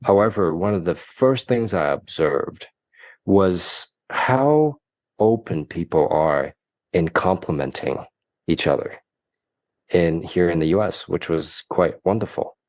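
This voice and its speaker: A man from Hong Kong, a guest coach, answering interview questions in a measured, explanatory way with occasional restarts. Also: low voice, darkish tone, dry recording. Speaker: guest, mind-performance coach.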